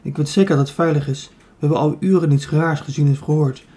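A man voicing a nervous but stubborn young princess in an audiobook, speaking in a hushed, pleading way. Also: a little high, steady tone, fairly quick, lightly acted.

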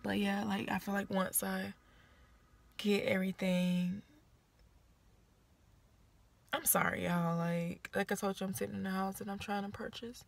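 A woman's voice: medium pitch, flat delivery, normal speed, gravelly. A young woman chatting casually to viewers from inside a house, rambling and often sinking into a half-whisper as her voice fades. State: voice fading low. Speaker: vlogger.

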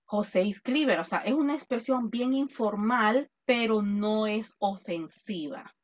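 A woman with a Salvadoran accent teaching an online English class, lively and joking as she quizzes her students. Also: medium pitch, a little slow, dull audio. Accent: Salvadoran Spanish.

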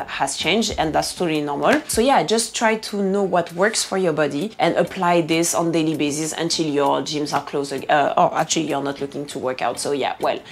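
A woman with a French accent talks straight to camera, answering viewers' questions. Her voice sits low, and she is earnest and encouraging, often restarting mid-sentence. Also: gravelly. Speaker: fitness and nutrition vlogger. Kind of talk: casual Q&A monologue to camera.

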